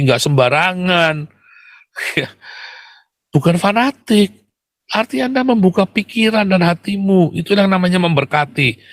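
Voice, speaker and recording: A man delivering an impassioned, combative monologue to his viewers. He keeps calling them brothers and sharply jumps up in pitch whenever he makes a point. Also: dry recording. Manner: emphatic and combative, keeps addressing listeners as brothers.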